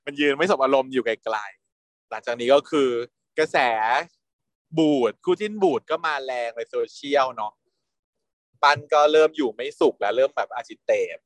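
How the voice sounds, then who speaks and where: A man recaps a drama in a loose, gossipy way, peppering his story with blunt slang and frequent laughter. His voice sits at an ordinary pitch. The recording is dry and close, with no room sound. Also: fairly bright tone, no room sound. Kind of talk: casual gossipy recap of a TV series.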